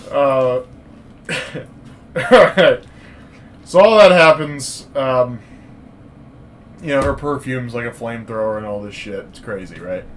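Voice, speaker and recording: A man's voice: medium pitch, a little slow, pauses often. Joking man recapping a movie. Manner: recaps the plot loosely, acting out lines in jokey voices. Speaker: podcast co-host. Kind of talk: casual movie review chat.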